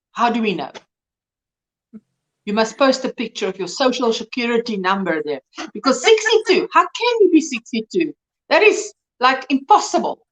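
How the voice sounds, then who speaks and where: A woman's voice: a little high, fairly bright tone. A woman in her early fifties hosting a live crochet chat. She talks casually, reads and answers viewers' comments, and laughs often. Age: 50s.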